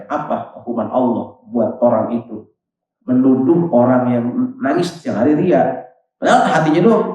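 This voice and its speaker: Indonesian preacher echoing through a mosque. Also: male voice, fairly high pitch, a little mellow. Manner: conversational, asks the congregation directly; acts out quoted voices in the story. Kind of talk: Ramadan evening mosque sermon. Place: mosque prayer hall. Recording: very echoey mosque hall, distant mic.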